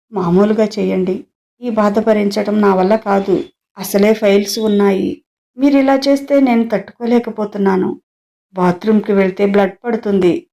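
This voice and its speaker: A woman's voice: medium pitch, gravelly, dark tone. A woman voicing a suffering wife in an audio story, pleading through tears. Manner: pleading, weeping.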